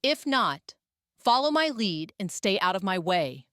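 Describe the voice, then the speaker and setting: A woman voicing a single-mother caterer who gives calm, sharp orders. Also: medium pitch, a little slow, dry recording, clean studio sound. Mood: commanding.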